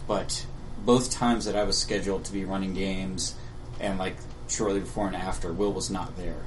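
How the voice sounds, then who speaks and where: Low-ish guy co-hosting, kinda far from the mic, faint hiss, rambly. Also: steady tone, moderate pace. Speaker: podcast co-host. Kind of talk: casual chat.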